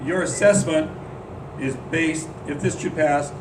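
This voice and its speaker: In a golf club meeting room, a board member running the meeting gives an announcement in a somewhat high, fairly level voice, stumbling along with plenty of "uh" fillers. The distant mic picks up a roomy sound and background hum.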